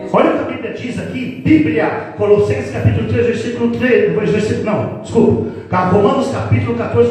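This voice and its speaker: A man's voice: sits high, a little mellow. A man preaching a playful church sermon, teasing the congregation as he talks. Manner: playful, teasing the congregation, acts out family scenes. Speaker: pastor. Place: church hall. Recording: roomy hall reverb from a distant mic, music behind.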